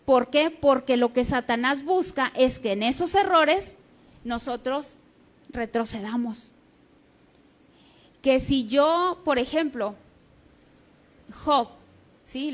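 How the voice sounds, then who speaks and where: A woman delivers a sermon in a high voice. She teaches in a conversational way, often pausing to ask her congregation whether they follow. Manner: conversational teaching with frequent checking questions. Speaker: preacher.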